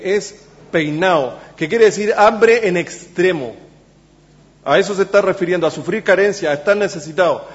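A man preaching a sermon in a church, halting with many fillers and restarts, then pressing points with emphasis. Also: sits high. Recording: echoey church hall, dull sound.

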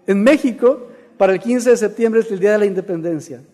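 High-voiced Mexican preacher in a reverberant hall. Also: male voice, a little fast. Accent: Mexican Spanish. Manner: animated, shouts in jokes, reads scripture loudly. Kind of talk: sermon with jokes.

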